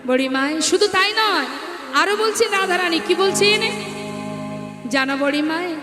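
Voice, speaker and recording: Woman kirtan storyteller, Bengali accent, very high voice, echoey hall, music under. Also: lively intonation, moderate pace. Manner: dramatic, addressing audience directly. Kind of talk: devotional kirtan narration.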